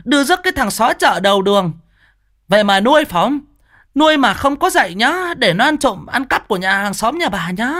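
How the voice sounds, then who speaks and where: A man's voice: very high-pitched, very animated, fairly bright tone, pitched above the performer's own voice, full character voice. A man putting on a shrieking, foul-mouthed village woman. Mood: furious. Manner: screeching rapid string of curses.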